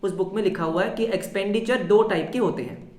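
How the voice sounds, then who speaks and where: Brief: energetic male accounting teacher, quizzes the class, answers in the students' voice, echoey room. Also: high voice, a little fast. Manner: mixes English terms into Hindi. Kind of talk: live online class lecture. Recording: roomy echo.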